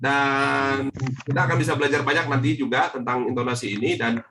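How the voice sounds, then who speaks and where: A man teaching as a speaking coach in an online webinar, lively and coaxing, often asking rhetorical questions over a video call. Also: medium pitch, brisk, background noise.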